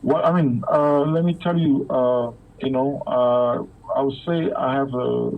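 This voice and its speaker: A Belgian former professional football player speaks as an interview guest over a phone line, halting often and repeating words amid plenty of fillers. His voice is medium-pitched, steady and creaky. He is located in Africa.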